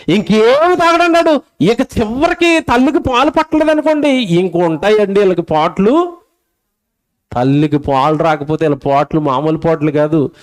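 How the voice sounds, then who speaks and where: A man giving a lively sermon as a pastor, asking the congregation questions and acting out a baby's voice. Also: high-pitched. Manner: animated preaching, asks the crowd questions; acts out a crying baby's voice.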